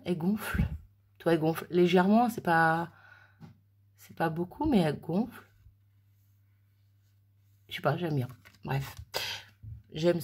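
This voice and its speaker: A woman's voice: on the low side, slightly rough. A woman chatting casually as she demonstrates a craft project at home, thinking aloud and poking fun at herself. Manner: chatty, self-deprecating, thinking aloud while working. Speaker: crafter demonstrating mixed-media art. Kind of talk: casual craft tutorial narration. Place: home craft room with oven running in background.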